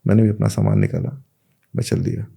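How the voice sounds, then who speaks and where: A man's voice: lowish voice, big pitch swings, fairly quick, creaky, dark tone, husky. A man, a podcast guest, casually telling a personal anecdote and acting out the back-and-forth of what people said. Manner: retells events with many quoted exchanges.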